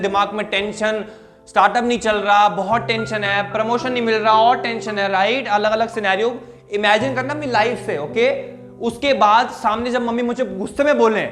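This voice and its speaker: High-voiced man explaining over music. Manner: keeps checking in with "right?" and "okay?". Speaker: psychologist. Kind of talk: casual explanatory talk. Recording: steady music underneath the voice.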